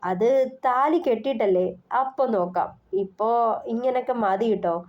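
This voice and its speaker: A woman voicing a gentle, playful young woman engaged to marry, in a storybook reading. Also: on the high side, moderate pace, dull audio, lightly acted. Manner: soft, teasing.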